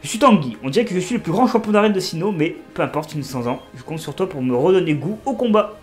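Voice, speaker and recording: A man's voice: high-pitched, animated, quick pace, soft background music. A man reading out the lines of a bored, arrogant male gym leader from a video game. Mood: bored, cocky. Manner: reading game dialogue aloud.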